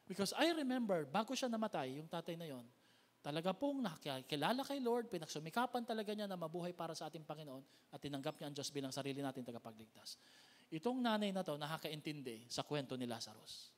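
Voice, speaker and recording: A Filipino man preaching a sermon as pastor, with big swings in pitch and loudness, recorded in a church hall. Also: expressive, quick pace. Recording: long hall reverb.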